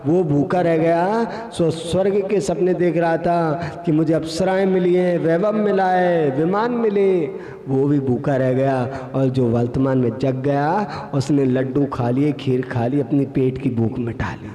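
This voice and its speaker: A man's voice: on the high side, steady tone, unhurried, crowd noise. A man, a Jain monk, delivers a sermon and tells a story, acting out the voices of its characters. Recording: echoey hall with long reverb.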